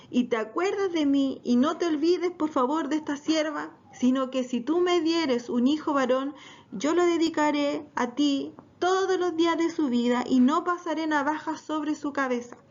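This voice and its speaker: Grieving childless wife, read by a woman, pleading slowly, higher voice, dull lo-fi sound. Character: grieving barren woman praying for a son. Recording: dull lo-fi recording.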